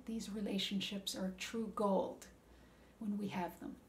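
Gentle, measured woman giving spiritual advice. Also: mid-range voice, flat delivery, a little hiss or hum. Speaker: wellness speaker. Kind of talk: calm spiritual advice talk.

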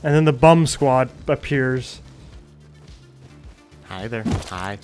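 A man's voice: medium pitch, animated, slow pace, over music. A young man with a slangy, sweary, exasperated frat-bro manner, doing casual gameplay commentary. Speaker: gaming video host.

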